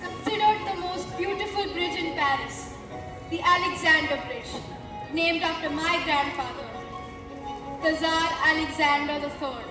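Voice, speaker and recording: Young princess played by a girl, high voice over music in an echoing hall. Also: unhurried. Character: young lost princess, female, spirited. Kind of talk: school stage play. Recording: echoey hall from far off, music.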